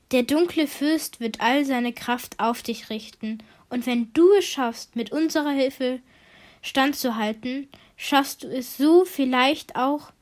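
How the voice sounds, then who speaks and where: A woman's voice: a little high, natural voice. A woman voicing three hopeful foxes in a storybook who speak together, earnest and pleading.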